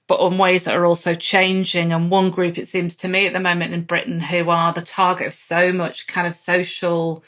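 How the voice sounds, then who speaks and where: Woman host asking thoughtful, halting questions. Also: lowish voice, completely flat delivery, fairly bright tone. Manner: thoughtful, with frequent restarts. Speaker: sociologist host interviewing guests. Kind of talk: conversational interview.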